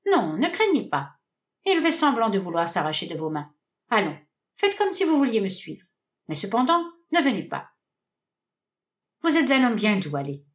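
A woman's voice: fairly high pitch, very animated, moderate pace, pauses often. A woman voicing a mocking, distrustful young man, a sardonic and challenging rival in love in a read-aloud stage comedy. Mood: taunting.

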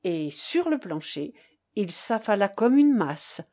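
A woman reading a story aloud as narrator, in a measured, expressive delivery. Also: mid-range voice.

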